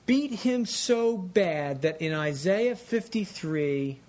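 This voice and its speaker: A man preaching a dramatic storytelling sermon, emphatic and deliberate, repeating phrases for weight. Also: darkish tone. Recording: live sermon with faint rumbling noise.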